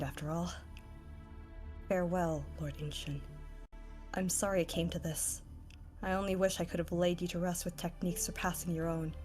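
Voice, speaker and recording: A woman's voice: lowish voice, close to an everyday voice. A woman voicing a brash young swordswoman. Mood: sombre. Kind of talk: fan voice reading of a game story.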